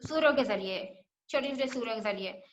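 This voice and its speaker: A woman's voice: fairly high pitch, animated, moderate pace, roomy sound, lo-fi sound, slight background noise. A woman teaching children Quran recitation, patiently repeating each letter sound and asking questions as she goes. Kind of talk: religious lesson for children.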